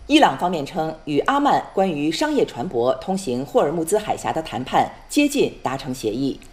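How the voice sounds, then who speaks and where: A woman's voice: low-pitched, big pitch swings, normal speed, a little mellow. A woman reading scripted news as a formal Chinese news anchor, composed and precisely enunciated in standard mainland Mandarin.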